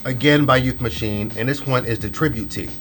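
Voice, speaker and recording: Stuffed up from a cold, a young man goes through his clothing haul for a fashion vlog, sounding nasal. He talks a little fast in a mid-range, fairly bright voice, loose and slangy with plenty of fillers, while faint music plays.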